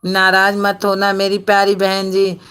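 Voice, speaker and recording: A woman's voice: mid-range voice, completely flat delivery, measured pace, fairly bright tone, clean tone. Woman on a phone live, greeting viewers one by one, lots of laughing. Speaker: live stream host. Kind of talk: casual live-stream chat reading comments.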